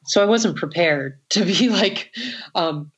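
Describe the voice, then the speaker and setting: A woman's voice: lowish voice, takes it slowly, breathy edge. A woman audiologist telling a story in an interview, earnest and reflective, with frequent "you know" fillers.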